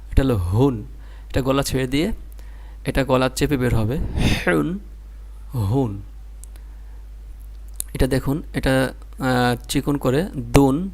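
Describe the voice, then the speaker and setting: A man with a Bangladeshi Bengali accent teaching Quran reading, spelling out syllables one by one and repeating them patiently. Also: medium pitch. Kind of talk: slow spelled-out recitation lesson.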